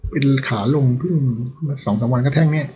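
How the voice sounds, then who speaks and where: A man talking through stock charts in a loose, rambling way, thinking aloud as he goes. His voice is mellow and dark, at a middle pitch. The recording sounds dull and lo-fi. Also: brisk, slight background noise. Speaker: stock trading channel host. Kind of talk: casual chart commentary.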